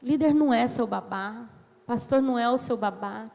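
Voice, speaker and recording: A woman in her thirties from Brazil preaching a sermon as a pastor, slow and emphatic, acting out dialogue as she tells stories. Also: a little high, gravelly, darkish tone. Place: church sanctuary. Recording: long church hall reverb.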